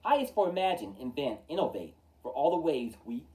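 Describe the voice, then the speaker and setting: With a slightly high voice, a man hosting storytime performs a rhyming children's picture book with great animation and theatrical flair. Each phrase starts with emphasis and falls at the end in a measured rhythm. The tone is mellow, and he sounds somewhat distant from the microphone.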